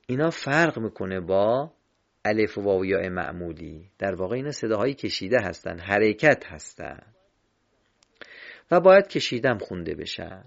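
A man teaching Quran recitation in a slow, deliberate lesson, drawing out vowels in his examples. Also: mid-range voice, gravelly, muffled recording. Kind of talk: instructional lesson.

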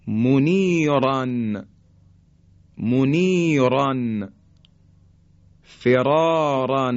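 A man teaches Quran recitation in a measured, explanatory way, stretching out each example word slowly. His voice sits in the middle range. It comes through a dry, muffled, lo-fi recording. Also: mid-range voice, darkish tone, no echo. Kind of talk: recorded instructional lesson for listeners. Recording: dull lo-fi recording.

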